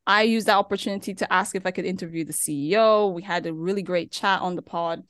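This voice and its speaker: A young woman from Turkey who now lives in Nigeria is a guest on a podcast, chatting casually in an interview with lots of fillers and laughs. Her voice is fairly low and a bit bright, and she talks at a quick pace. The recording is dry and clean, studio quality.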